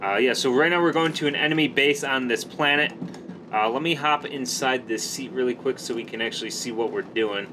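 A man with a mid-range, brisk voice hosts a gaming video, offering casual, slangy, enthusiastic commentary as he plays. Background noise sits beneath his speech.

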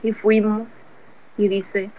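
A woman's voice: mid-range voice, level tone, slow pace, dark tone, highs cut off, slight background noise. A woman giving a personal faith testimony, earnest and emotional, retelling events through many quoted conversations. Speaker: testimony giver.

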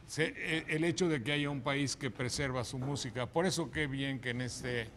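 A man's voice: medium pitch, normal speed, a bit bright, slight background noise. An older man hosting a TV studio program, talking emphatically with many restarts on a lapel mic. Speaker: TV host. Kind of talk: opinionated studio chat. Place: TV studio set, indoors.

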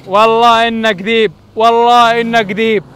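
A man with a Gulf Arabic accent giving excited, shouting live commentary on off-road driving, recorded outdoors at sand dunes on a handheld camera. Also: extremely high pitch, moderate pace, a little hiss or hum. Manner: shouting, cheering, teasing drivers. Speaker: channel host filming from the crowd.

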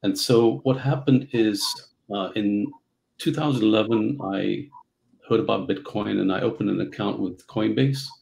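A middle-aged man from Central Africa, telling his story as a guest on a video call, halting with many fillers. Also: on the low side, steady tone, gravelly, darkish tone, rough recording. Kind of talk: casual interview storytelling. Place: home office.

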